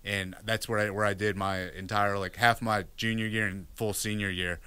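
A man's voice: fairly low pitch, level tone, normal speed, bright, forceful tone, smooth, no echo. A man in his thirties from Virginia, a guest in a casual interview, speaking candidly with many fillers and restarts. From Virginia, United States.

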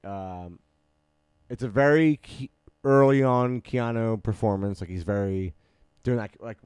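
A man's voice: on the low side, a little slow, a little mellow, clear, resonant tone, no room sound. A man in casual podcast chat about movies, easygoing and hesitant, with frequent ums.

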